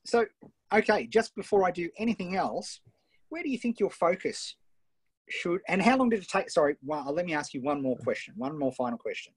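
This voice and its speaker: An Australian man hosting a live online coaching session, enthusiastic and firing off quick questions over a video call. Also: fairly high pitch, lively intonation, slightly rough, no echo. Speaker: host and coach.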